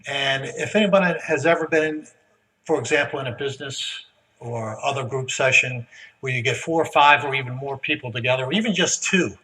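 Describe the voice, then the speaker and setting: A man giving a relaxed, folksy conference speech, with frequent "uh" fillers. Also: medium pitch, a little fast, recorded from a distance, rough recording. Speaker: guest speaker. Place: conference hall.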